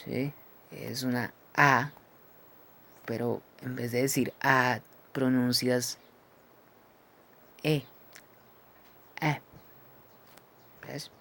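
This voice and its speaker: Man, phonetics teacher, unhurried, checks understanding after every symbol. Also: mid-range voice, little pitch movement, vocal fry, sharp tone, a little hiss or hum. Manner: slow, explains each symbol, checks with "¿sí?" and "¿cierto?". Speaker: English teacher. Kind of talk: phonetics lesson.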